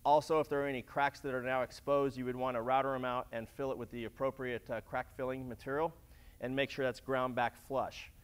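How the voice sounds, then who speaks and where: A man's voice: mid-range voice, level tone, brisk, clear, resonant tone. A middle-aged man giving a practical instructional demonstration, explaining as he works, with frequent fillers and restarts. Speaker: flooring demonstrator. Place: large warehouse floor, indoors.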